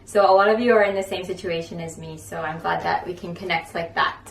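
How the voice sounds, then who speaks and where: A woman's voice: fairly low pitch, steady tone, quick pace. A young adult woman vlogging at home in a casual, chatty way, with lots of "like" fillers. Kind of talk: casual vlog chat. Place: home, indoors. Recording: roomy echo, distant from mic, faint noise.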